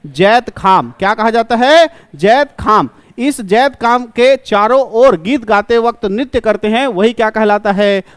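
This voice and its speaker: A male coaching class teacher, giving an exam-prep lecture. He asks a question, answers it himself, and repeats key terms slowly. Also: sits high, lively intonation, smooth, no echo.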